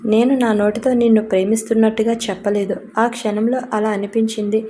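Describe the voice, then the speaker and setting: A woman reads the part of a proud, bitter young woman in an audio storybook, sharp and scolding. The tone is mellow and dark. The pitch stays flat and narrow. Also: a little fast, a little hiss or hum, close to an everyday voice. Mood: angry.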